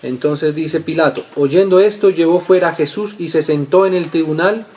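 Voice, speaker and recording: A man preaching a Bible teaching. He reads scripture aloud and keeps checking in with his listeners, moving between loud readings and soft asides. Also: on the high side, moderate pace.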